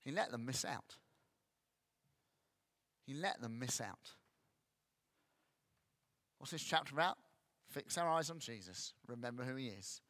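A man preaching a sermon, animated and acting out grumbling voices. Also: mid-range voice, a little slow, long pauses. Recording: long hall reverb.

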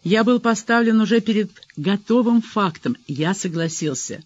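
A man's voice: high voice, expressive, moderate pace, dull audio, pitched above the performer's own voice. A man reading an audiobook, voicing a frightened, guilty man pleading and apologizing to his boss. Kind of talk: audiobook character voice.

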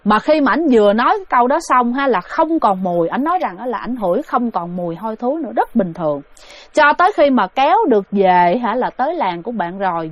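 Woman storyteller, fairly high voice, talks straight to listeners; muffled dry sound. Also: no room sound. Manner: chatty, addresses listeners directly. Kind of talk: casual spoken ghost story. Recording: dull, dry recording.

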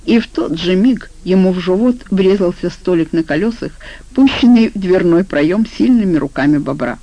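A woman narrating an audiobook in a steady, even storytelling voice. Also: on the low side, normal speed, dry recording, highs cut off. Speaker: audiobook reader.

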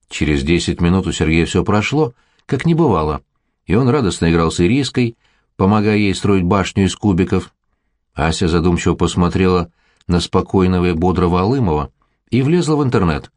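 Man, low voice, audiobook narration, calm, dry close sound. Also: fairly quick, no room sound. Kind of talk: scripted narration.

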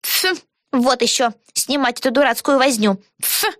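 A woman's voice: sits high, steady tone, normal speed, fairly bright tone, no echo, studio quality, voice pushed up. Woman doing sneering, sulky fairy twins. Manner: sneering, disdainful. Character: stern sulky fairy twin sisters.

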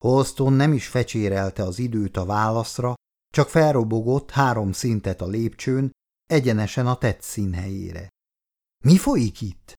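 A man reading an audiobook in a calm, measured way. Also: on the low side. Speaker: audiobook narrator. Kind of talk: scripted audiobook narration.

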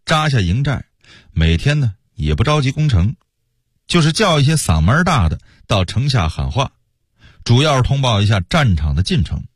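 A man telling a historical tale on radio with lively, humorous storytelling. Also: medium pitch, normal speed, slightly rough, no room sound, studio quality.

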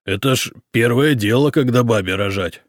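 A man reading an audiobook, voicing a calm, stubborn old boyar who answers in a level, dignified way. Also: mid-range voice, no room sound, clean studio sound, lightly acted. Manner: level, dignified, unhurried replies.

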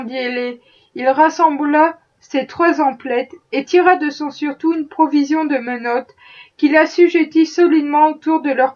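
A woman narrating a classic novel as an audiobook in a steady, measured reading. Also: high-pitched, lo-fi sound. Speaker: audiobook reader.

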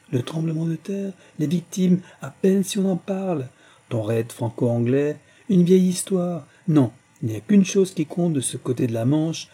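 An actor playing an excitable, boastful old male professor who lectures loudly in a raised voice. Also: breathy edge. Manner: exclamatory, lecturing, raised pitch.

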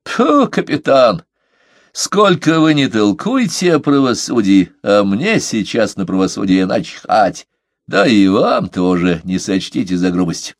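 A man's voice: on the low side, very animated, unhurried, dry recording, clean studio sound, heavily acted. A man voicing a sardonic, scheming sailor who talks in a nasal, sneering, lecturing way.

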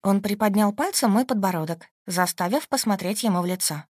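A woman reading a first-person audiobook in a lively, intimate, wry way. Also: mid-range voice, fairly quick, breathy edge, no room sound, studio quality. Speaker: audiobook narrator.

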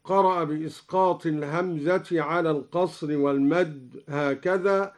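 Man, recitation scholar, somewhat high voice, very slow delivery, explains readings, chants verse examples melodically. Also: steady tone.

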